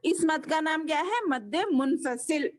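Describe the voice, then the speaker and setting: A woman's voice: sits high, a little slow. A woman teaching a children's Quran class over a video call, patiently spelling out each letter and vowel.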